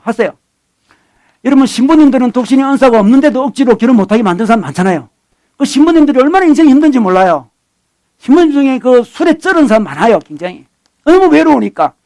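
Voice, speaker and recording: A man with a Gyeongsang accent preaching in a church. His voice sits high for a man and his delivery is quick. He talks to the congregation conversationally and keeps acting out quoted voices with a chuckle. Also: darkish tone. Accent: Gyeongsang (Masan). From South Korea. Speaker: pastor. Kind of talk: sermon.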